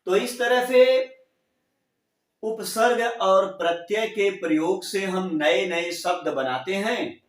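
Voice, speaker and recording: A male teacher giving a grammar lesson to students, saying each example word slowly and repeating it, spelling out the vowel marks. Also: high-pitched, a bit bright, far from the mic. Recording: echoey room, voice from off the mic.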